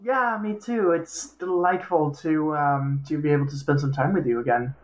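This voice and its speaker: A woman's voice: sits low, normal speed. A woman co-hosting a casual podcast, informal and a little hesitant, sounding echoey and far from the microphone. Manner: informal, self-deprecating, hesitant. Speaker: podcast co-host. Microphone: wrong microphone selected, distant from speaker.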